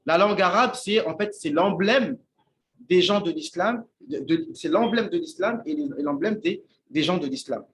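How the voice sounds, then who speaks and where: An Islamic teacher gives a talk on Arabic as an informal religious lesson over a shared meal with friends. He halts, thinks aloud, repeats and restarts words, and keeps checking in with listeners by asking "d'accord?" His voice is high-pitched and fairly bright, with a little hiss or hum.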